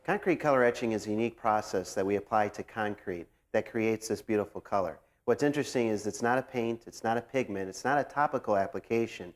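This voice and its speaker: A man's voice: on the low side, fast talker, few pauses. A man giving fluent, assured, rehearsed explanations as a company representative in an interview.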